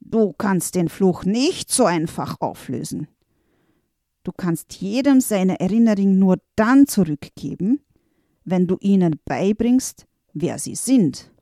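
A sinister male sorcerer, played by a woman lays down his terms in a loud, gloating voice. The sound is close and dry. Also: medium pitch, lively intonation, slow pace, dry recording. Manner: loud, menacing declaiming.

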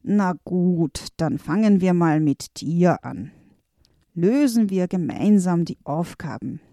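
A woman voicing an old, grey-bearded male music wizard in a children's storybook, speaking calmly and slowly. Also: high voice, no room sound, clean studio sound, heavily acted. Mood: resolute.

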